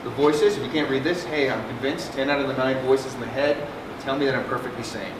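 A middle-aged psychiatrist presents at a symposium in a conference room with a projector screen, giving a conversational, joking talk full of fillers and restarts. His mid-range voice is brisk. The distant mic picks up room echo and air conditioning hum.

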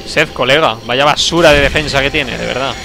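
A man's voice: medium pitch, brisk, vocal fry. A young man, casually commenting on a game he is playing, joking and bursting out. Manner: chatty, joking, talking to himself, sudden outbursts. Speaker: streamer. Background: game music.

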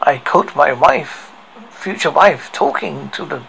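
A man voicing a deranged, tormented killer in a creaky, gravelly voice, telling a horror story with slow, halting, theatrical delivery on an amateur recording. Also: a little high, lively intonation, sharp tone, a little hiss or hum, full character voice, rough recording. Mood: menacing. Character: deranged male killer tormented by worms in his head. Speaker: horror host. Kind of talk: dramatic horror story recital.

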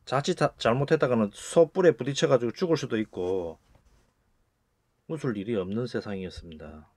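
Animated man lecturing with loud bursts. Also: mid-range voice, a little fast, no echo. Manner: animated, acts out rough retorts with sudden loud bursts. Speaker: channel host explaining word origins. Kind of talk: casual spoken lecture.

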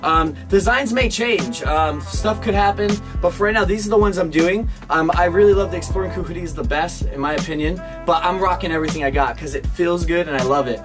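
Young man, high-pitched voice, casual slangy vlog chat, chummy, music behind. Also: brisk, hardly any pauses. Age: young adult. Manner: slangy, chummy address to viewers. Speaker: vlogger. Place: small home rooms, indoors.

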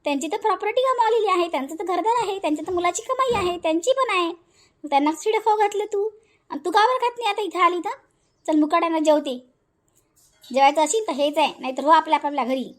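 A woman voicing a bold, sharp-tongued young daughter-in-law in a cartoon, taunting and defiant. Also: very high voice, fast. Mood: scolding.

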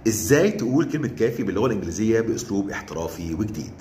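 Egyptian man, low voice, lively swings in pitch, slow spelled-out english phrases, casual english lesson. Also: slight background noise. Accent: Egyptian Arabic. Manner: says English phrases very slowly, then quick joking asides. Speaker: English teacher.

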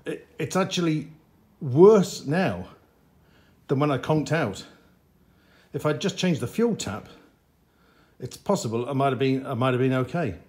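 A man's voice: mid-range voice, moderate pace. A man vlogging a motorcycle repair in his garage, thinking aloud and getting frustrated as he works. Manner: frustrated, muttering thoughts aloud. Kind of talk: talking to camera while working on a bike.

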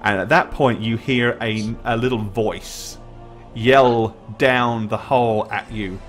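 Middle aged guy as dungeon master, medium pitch, improvising the scene, faint music. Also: steady tone, slow, fairly bright tone. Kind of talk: improvised tabletop game narration. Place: indoor room at home, on a group video call.

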